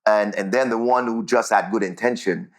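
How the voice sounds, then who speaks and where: Speaking at a moderate pace in a lowish voice, a Jamaican-accented man responds to interview questions casually, repeating himself and frequently adding "right?".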